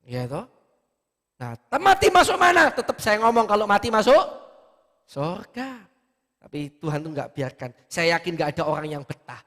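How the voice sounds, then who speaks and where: A man preaches a sermon in a fairly high voice. He talks in an animated way and keeps putting rhetorical questions to the congregation. His voice carries a long reverb from the church hall. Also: normal speed. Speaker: pastor.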